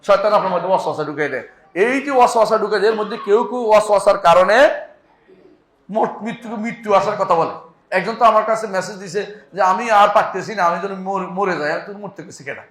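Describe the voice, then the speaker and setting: Guy preaching quick, kinda high voice, keeps asking the crowd questions. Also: a bit bright, roomy sound. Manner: conversational, asks listeners rhetorical questions. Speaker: Islamic preacher. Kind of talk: sermon.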